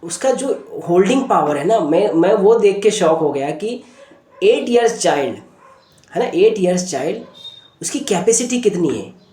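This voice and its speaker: A man, a homeopathic doctor, teaching through a patient case story in an unhurried way, often pausing to check in with his listeners. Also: high-pitched, expressive, mellow, reverberant.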